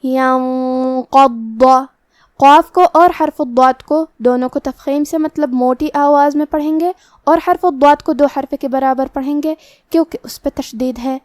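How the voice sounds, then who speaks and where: Woman explaining recitation rules, high steady voice, super dry close sound. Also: dry recording. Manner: methodical, repeats rules in set phrases; slow drawn-out chanted recitation. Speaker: Quran recitation teacher. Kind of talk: step-by-step tajweed lesson.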